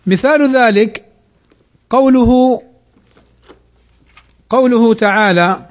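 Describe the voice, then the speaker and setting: A man teaching Quran recitation rules, asking questions and slowly drawing out recited examples. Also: very high voice. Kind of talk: slow Tajweed lesson.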